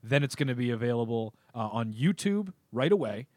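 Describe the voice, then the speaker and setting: A man co-hosting a podcast in casual chat, jokey and rambling, quick to laugh. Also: medium pitch, animated, a little mellow, dry recording, clean studio sound. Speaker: podcast co-host.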